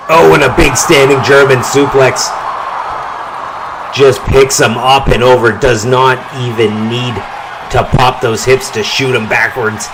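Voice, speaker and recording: A man calling a wrestling match play-by-play, his voice jumping up in pitch and volume on big moves and near-falls. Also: unhurried, background noise. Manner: excited calls that rise on big moves and pin counts. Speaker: wrestling commentator. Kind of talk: play-by-play commentary.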